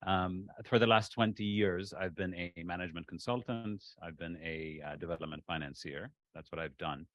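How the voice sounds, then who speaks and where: Man with a very deep, relaxed voice. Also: moderate pace, few pauses, no room sound, muffled recording. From Ethiopia. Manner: relaxed, joking asides. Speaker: management consultant, panelist. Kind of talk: panel self-introduction.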